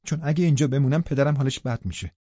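Male reader doing a frightened young woman, pleading and tearful, mellow tone, dry slightly dull audio. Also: mid-range voice, slightly rough, no room sound, natural voice. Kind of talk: audiobook character reading.

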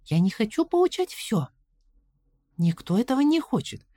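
A woman's voice: fairly high pitch, sing-song, moderate pace, warm tone, dry recording, pitched above the performer's own voice. A woman narrator voicing Coraline, a clever, stubborn young girl, defiant and questioning.

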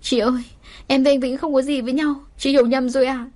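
Woman voicing a terrified young mistress, raised high pitch, desperate begging. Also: little pitch movement, quick pace, dark tone, natural voice. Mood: tearful begging. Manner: pleading, breathless begging.

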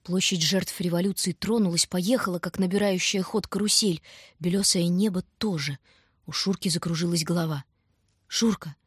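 A woman narrating an audiobook in a measured, even storytelling manner. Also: on the low side, husky, no echo, studio quality.

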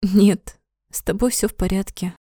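A woman's voice: mid-range voice, steady tone, normal speed, mellow, no room sound, studio quality, lightly acted. A woman voicing an emotional, outspoken young woman who swears when upset in a storybook reading. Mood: pained.

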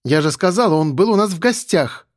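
A man's voice: sits high, expressive, brisk, pitched above the performer's own voice. Man doing a defiant young woman. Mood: indignant. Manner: heated, protesting. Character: defiant, indignant young woman, just of age.

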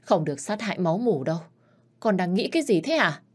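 A woman's voice: fairly low pitch, big pitch swings, fairly quick, husky, voice pushed up. A woman reading the lines of an aging male crime boss who is a father, commanding in tone. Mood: stern.

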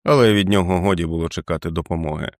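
A man narrating an audiobook in a measured, expressive reading voice. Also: sits low, no echo, studio quality.

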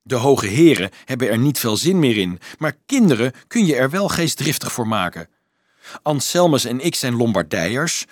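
Male reader as a guilt-ridden middle-aged swindler, earnest confession, lively intonation, dry sound. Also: mid-range voice, no room sound, natural voice. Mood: confessing. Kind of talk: audiobook character voice.

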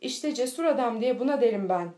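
A woman voicing a calm, proud father who gently lectures his young son, with little change from her own voice. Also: on the high side, brisk, lightly acted. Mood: earnest. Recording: echoey room.

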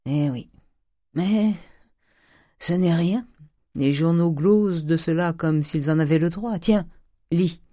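Guy playing a stingy old miser from a storybook, low gruff mutter, mellow dark tone. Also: slow pace, pauses often, dry recording, studio quality. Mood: blunt. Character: miserly old man, cold and scheming.

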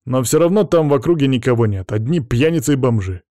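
A man's voice: medium pitch, expressive, fast, mellow, no echo, clean studio sound, close to an everyday voice. A man reading an audiobook, voicing a condescending, anxious ex-husband who talks in a patronizing way. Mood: heated. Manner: patronizing, then heated. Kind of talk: audiobook character voice.

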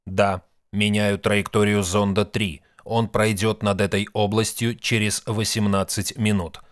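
A man voicing a loud, slow, monotone ship's computer. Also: on the low side, dry recording, studio quality, lightly acted. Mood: monotone report. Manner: monotone, mechanical, measured. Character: monotone male ship's computer, mechanical and flat. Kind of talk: audiobook reading.

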